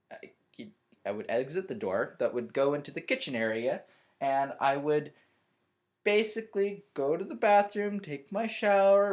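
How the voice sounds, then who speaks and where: A young man, a college student vlogging from his bedroom, telling a story in a rambling, self-interrupting, animated way. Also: fairly high pitch. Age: young adult. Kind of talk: storytelling vlog.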